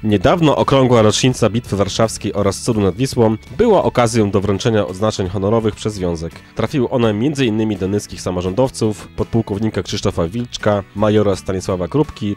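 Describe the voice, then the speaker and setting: A man's voice: fairly low pitch, brisk, darkish tone, soft background music. A man reading scripted narration for a local news report.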